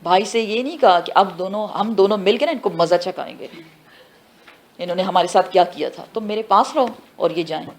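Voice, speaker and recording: A woman giving a tafsir lesson who asks her students questions and answers them herself, mixing in English phrases and slowing down for the Arabic words. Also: medium pitch, a little hiss or hum. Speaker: Quran teacher. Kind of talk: tafsir class lecture.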